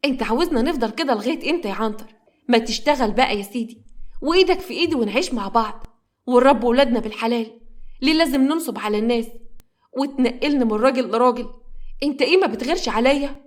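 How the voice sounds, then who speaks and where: A woman's voice: a little high, fast, lightly acted. A woman with an Egyptian accent voicing an unhappy young wife who reproaches her husband. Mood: reproachful. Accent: Egyptian Arabic. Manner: reproachful and upset.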